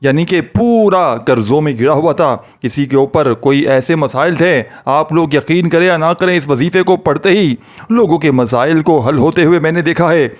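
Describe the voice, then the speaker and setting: A man preaching in a fervent, pleading way, over and over calling out to his friends and listeners. His voice sits a little high for a man. He moves into an earnest prayer voice when he leads the blessing. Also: normal speed. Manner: pleading, repetitive addresses to friends. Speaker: religious preacher. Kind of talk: devotional talk to viewers.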